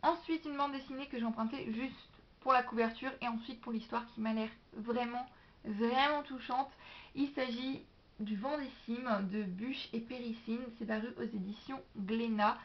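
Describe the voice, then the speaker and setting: A woman's voice: fairly high pitch, moderate pace, a little hiss or hum. A young woman with a French accent chatting enthusiastically about library books in a casual vlog. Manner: chatty and enthusiastic, lively asides. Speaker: book vlogger. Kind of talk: casual book haul vlog. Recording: dull, lo-fi home video sound.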